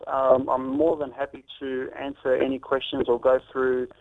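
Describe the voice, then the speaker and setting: In a phone-in interview, a man in his thirties who is a fitness author and trainer speaks earnestly in a flat, mid-range voice with vocal fry. He talks at a moderate pace but often restarts and says "um," and the line sounds tinny.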